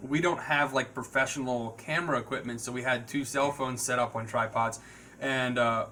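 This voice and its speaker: A man hosting a casual, unscripted podcast, rambling and halting as he repeats words and addresses viewers. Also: medium pitch, bright, forceful tone, slight background noise. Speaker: podcast host.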